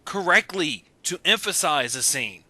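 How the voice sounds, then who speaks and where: A guest commentator on a computer voice call shares casual, opinionated takes on films. His voice is a little high, sing-song, and sharp, with an unhurried pace and no echo.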